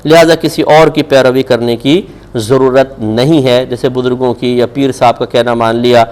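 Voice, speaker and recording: On a live TV show, a man with a Pakistani Urdu accent answers religious questions, firmly admonishing and posing rhetorical questions. His voice is medium-pitched with fairly even intonation and a darkish tone.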